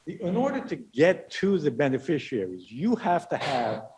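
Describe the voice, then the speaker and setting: Halting male lawyer in an echoey courtroom. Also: fairly high pitch, very animated, a crowd in the background. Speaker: lawyer arguing before court. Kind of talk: formal oral argument. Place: indoor courtroom. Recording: echoey courtroom, faint background noise.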